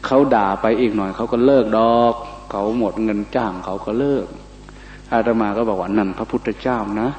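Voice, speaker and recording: Older monk, dark mellow voice, lively storyteller, dull echoey hall recording. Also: male voice, on the low side, slight background noise. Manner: animated storyteller, acts out quoted voices, slips into Isan dialect. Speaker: Buddhist monk giving a dharma talk. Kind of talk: storytelling sermon.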